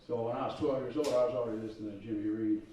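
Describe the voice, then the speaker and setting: A middle-aged man telling students relaxed, rambling stories in a spoken school presentation. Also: mid-range voice, rapid-fire. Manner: relaxed, rambling storytelling with fillers. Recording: dull echoey room from far off.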